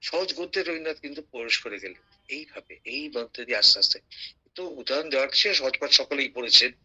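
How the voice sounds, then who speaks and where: A man giving an animated lecture, slowing down to recite rhymes with clear, careful pronunciation. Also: medium pitch, lo-fi sound. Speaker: guest speaker.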